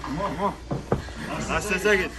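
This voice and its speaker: A man's voice: high-pitched, normal speed, a loud crowd. A man refereeing a fight with short, clipped, repeated commands. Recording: echoey with loud noise and clicks.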